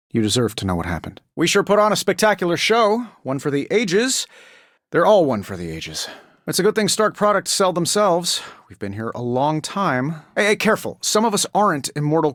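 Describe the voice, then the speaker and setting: A cocky American superhero inventor for a video game. His voice sits a little high and swings freely in pitch, recorded close and dry. He tosses out glib, sardonic quips like someone used to being the smartest in the fight. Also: a bit bright, no room sound. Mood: subdued, earnest. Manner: sardonic, glib, fast-witted banter. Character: cocky, wisecracking superhero genius inventor, adult man. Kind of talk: video game voice acting, quippy dialogue.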